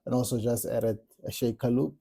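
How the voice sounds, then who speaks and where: A man from South Africa with a South African accent, calmly walking through how he builds a track, step by step, in a casual tutorial. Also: mid-range voice, normal speed, gravelly. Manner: relaxed step-by-step explaining. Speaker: music producer tutorial host. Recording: music playing in the background.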